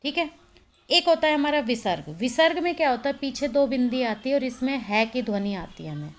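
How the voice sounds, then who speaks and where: A woman's voice: high voice, expressive, brisk, a little hiss or hum. Woman teacher explaining grammar step by step. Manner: explains step by step, asks and answers own questions, frequent "है ना". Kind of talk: recorded Hindi grammar lesson. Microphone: phone voice recorder.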